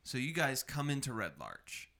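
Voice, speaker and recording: A man's voice: medium pitch, very animated, moderate pace, bright, forceful tone. A man hosting a tabletop role-playing show and recapping the adventure as game master.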